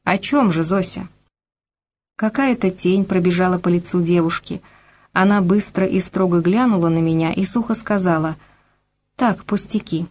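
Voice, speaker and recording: A woman narrating a novel in a measured storytelling way. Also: fairly low pitch, mellow. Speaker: audiobook narrator. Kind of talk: scripted narration.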